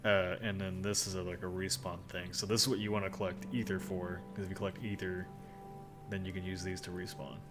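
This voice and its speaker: A man plays through a video game, explaining its mechanics in an easygoing, casual way. His voice sits low for a man. Loud game music plays behind him the whole time. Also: flat delivery, a little fast. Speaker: co-host playing a video game. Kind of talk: casual gaming commentary.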